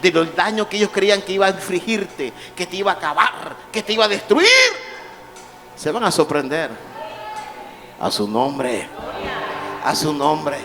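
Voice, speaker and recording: A man with a high, ringing voice preaches in a church sanctuary, moving between quiet scripture reading and shouted calls to the congregation. The sound carries the long reverb of a big hall, with soft music underneath. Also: expressive, a little slow, pauses often. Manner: preaching with call-and-response, rising to shouts. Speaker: pastor. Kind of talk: sermon.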